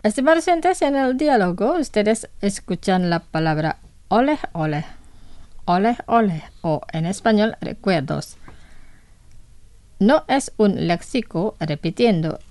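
Woman teacher, lively melodic delivery, unhurried and deliberate, dry close sound. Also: medium pitch, no room sound, soft background music. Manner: slow and careful, repeating each word twice. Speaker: radio language teacher. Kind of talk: language lesson for listeners.

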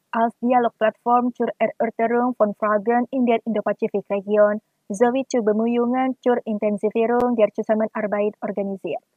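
A woman reading a scripted news report in an even, formal manner. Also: fairly high pitch, no room sound. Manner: even, formal read delivery. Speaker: news reader.

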